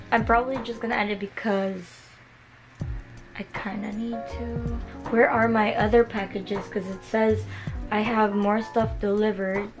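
A young woman chatting casually to camera in a vlog, her voice hoarse and partly gone. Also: medium pitch. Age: young adult. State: voice partly gone after a party. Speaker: vlogger. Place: small bedroom, indoors. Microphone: camera at arm's length.

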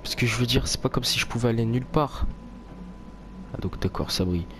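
A man's voice: medium pitch, a little fast. A man doing casual, jokey, rambling let's play commentary as a spooked, grumbling horror game streamer who swears a lot. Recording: noisy home game recording. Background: horror game ambience.

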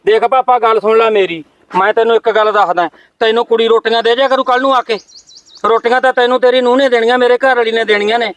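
A man plays a resentful young son who pleads and complains in a fast, raised voice. The sound is dry and close. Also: very high voice, steady tone, fairly bright tone, no echo. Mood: aggrieved. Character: aggrieved young married son pleading with his parents. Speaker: actor in a family skit. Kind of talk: home-made family drama skit.

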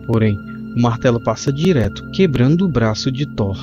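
A man narrating a comic book as a reader, describing the panels in steady storytelling. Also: medium pitch, normal speed. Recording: muffled lo-fi with faint music.

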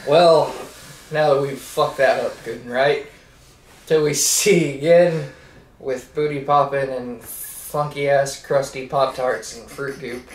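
A man's voice: mid-range voice, steady tone, slow. A man co-hosting a casual whiskey tasting chat, rambling and laughing often as he restarts his sentences. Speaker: co-host of a whiskey review channel. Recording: echoey room, mic at a distance.

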